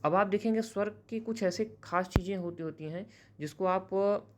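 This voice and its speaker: A man's voice: high-pitched, moderate pace, noisy background. A man teaching a grammar lesson who explains patiently, often restates terms, and corrects himself mid-sentence. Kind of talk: classroom-style grammar lesson.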